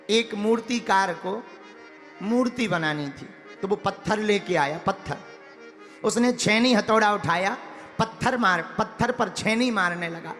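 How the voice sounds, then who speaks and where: High-voiced preacher in an echoing hall. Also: male voice, pushed and bright. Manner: folksy, teasing, sing-song verses. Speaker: religious preacher. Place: large hall with an audience.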